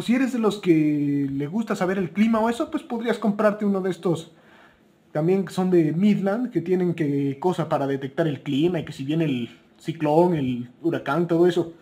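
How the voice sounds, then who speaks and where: A high voice with a dark tone carries this casual, unplanned talk about products from a man with a Mexican Spanish accent. He gives buying advice in a friendly, chatty way and often corrects himself.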